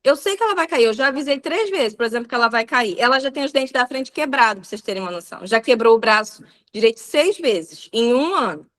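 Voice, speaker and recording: Speaking on parenting at a live event about child behavior, this woman in her thirties has a Brazilian Portuguese accent and a voice on the high side, brisk and a bit bright with lively intonation. Her delivery is chatty storytelling packed with fillers.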